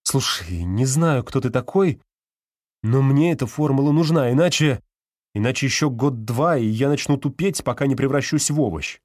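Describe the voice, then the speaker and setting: A man voicing a hungover, cranky male professor who blusters and shouts indignantly, in an audiobook. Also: medium pitch, animated, normal speed, no room sound, studio quality, pitched above the performer's own voice, lightly acted. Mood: pleading. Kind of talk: audiobook character voice.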